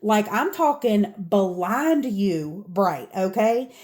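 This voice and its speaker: A woman with a Southern American accent and a congested, stuffy nose chats casually while walking around her home craft room for her craft channel vlog. Her mid-range voice is animated and a little mellow, with drawn-out words, frequent ums, and asides.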